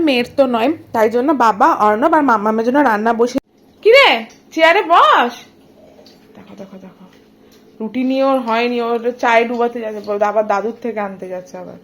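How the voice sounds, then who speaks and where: Vlogging at home, a woman from India with a Bengali accent sweet-talks her small child in a sing-song way. She has a fairly high, lively voice and speaks fairly quickly.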